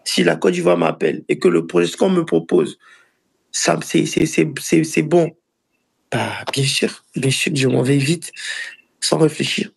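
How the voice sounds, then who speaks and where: Animated and halting, a young Ivory Coast footballer in his early 20s gives casual interview answers with an Ivorian accent. His voice is fairly high and thick with fry, and he keeps circling back, repeating phrases for emphasis.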